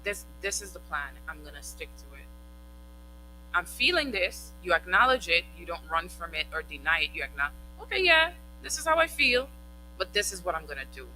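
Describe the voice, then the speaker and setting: A man's voice: high-pitched, sing-song, fairly quick, pushed and bright, slight background noise. A man from the congregation asking a question, thinking aloud tentatively, heard from a distant mic.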